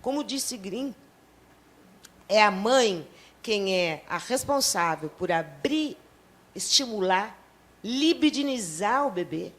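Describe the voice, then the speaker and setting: A woman's voice: mid-range voice, animated, slow, long pauses. Rambling woman giving a panel talk. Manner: associative, rambling, many fillers and restarts. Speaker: psychoanalyst panelist. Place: lecture hall at a panel event.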